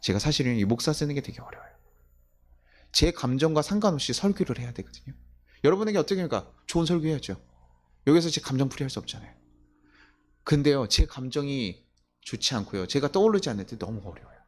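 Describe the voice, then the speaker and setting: A man's voice: mid-range voice, big pitch swings, quick pace, a little mellow. A man preaching a sermon as pastor in a church, talking conversationally with many rhetorical questions and chuckling at his own stories.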